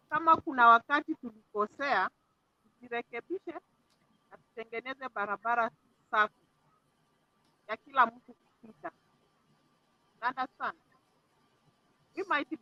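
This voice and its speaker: A woman's voice: sits high, sharp tone, no echo. A Kenyan woman calling in over a poor connection, speaking earnestly and urging listeners, switching between Swahili and English. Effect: bad call connection, poor audio. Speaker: caller on a live show. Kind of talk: call-in opinion. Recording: muffled dry call line.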